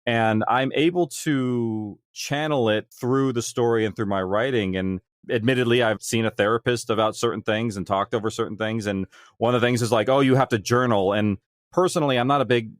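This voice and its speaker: An audio drama creator, appearing as a podcast guest, talks earnestly and reflectively about his creative work, wandering through ideas. His mid-range voice is fairly quick, captured in a dry, studio-quality recording.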